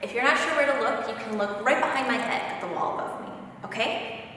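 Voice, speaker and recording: Woman, audition director, brisk notes, distant in a reverberant hall. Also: fairly high pitch, pushed and bright, slight background noise. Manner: brisk, interrupting, gives notes. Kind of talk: instructional talk. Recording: echoey hall from far off.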